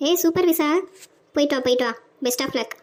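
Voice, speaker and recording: A woman voicing a gentle young wife. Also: high voice, brisk, lightly acted. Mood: cheerful. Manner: soft and pleading. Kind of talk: Tamil cartoon dubbing.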